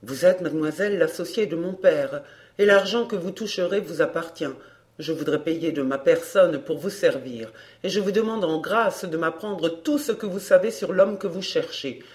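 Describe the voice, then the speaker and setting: A woman's voice: on the low side, normal speed, darkish tone, pitched below the performer's own voice, natural voice. A woman reading an audiobook, voicing an earnest young man eager to serve the heroine.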